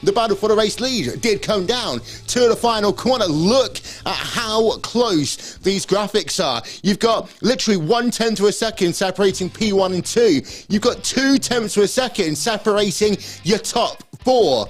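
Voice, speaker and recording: High-voiced British esports presenter. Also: male voice, animated, normal speed, hardly any pauses, faint music behind. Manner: upbeat, reads out results and links to interviews. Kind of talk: post-race studio presenting.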